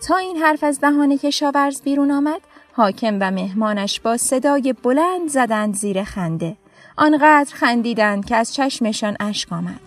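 High voiced lady reading out a story, calm and steady. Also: faint music behind. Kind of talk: scripted story narration.

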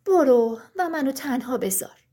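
A woman's voice: high-pitched, animated, dark tone, breathy edge. A woman voicing a proud, vain birch tree in a storybook tale, brushing off a small bird in a haughty way. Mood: dismissive. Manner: dismissive, haughty.

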